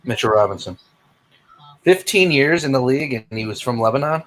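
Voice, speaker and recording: A man's voice: medium pitch, animated, fairly quick, a bit bright, poor audio. A man playing along as a trivia contestant on a casual podcast, griping sarcastically and mocking himself. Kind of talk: casual chat.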